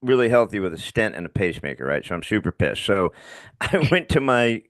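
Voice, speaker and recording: A man's voice: on the low side, very animated, a little fast, no room sound, clean studio sound. A middle-aged man with a slight lisp, a podcast guest telling frank, self-deprecating stories in a conversational interview.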